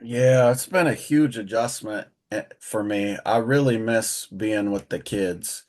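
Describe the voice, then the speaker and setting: Slow, low-voiced hesitant man. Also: a little mellow. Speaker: educator and panelist. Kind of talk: panel discussion answer.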